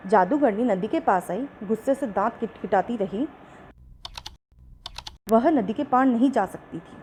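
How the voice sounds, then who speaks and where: Female storyteller, slightly high pitch, expressive bedtime-story read, faint hiss under the voice. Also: a little slow, low-quality recording.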